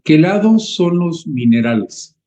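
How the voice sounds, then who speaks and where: Hombre de voz oscura explicando con calma. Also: male voice, a little high, unhurried. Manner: didactic, asks "¿sí?" often. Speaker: doctor answering questions. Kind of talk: explaining on a live online Q&A.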